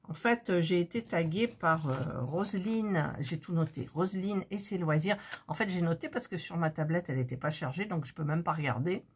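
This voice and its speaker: A woman with a lowish voice hosts her craft channel, chatting casually at normal speed while she works at her home desk. She often breaks off mid-sentence and gets flustered easily. A little hiss or hum can be heard in the recording.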